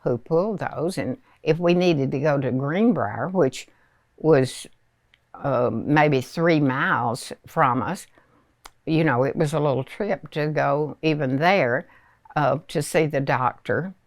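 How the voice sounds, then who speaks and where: A very old woman in her nineties with a Southern US accent, reminiscing in a hesitant, unhurried storytelling way with many pauses. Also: low-pitched, dry recording, clean studio sound. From rural Arkansas, United States. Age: 90s, very old. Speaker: elderly interviewee recalling childhood. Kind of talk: reminiscing oral history.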